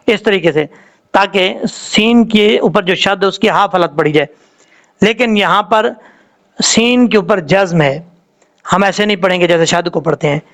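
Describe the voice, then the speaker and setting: A man's voice: high-pitched, a bit bright. A man with a Pakistani Urdu accent teaching Quran reading, patiently drawing out letter sounds to show how they are said.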